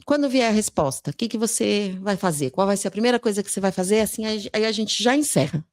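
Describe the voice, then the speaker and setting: A woman hosting a true-crime podcast, asking gentle, slow questions in an emotional interview. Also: medium pitch, no echo, clean studio sound. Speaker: podcast host.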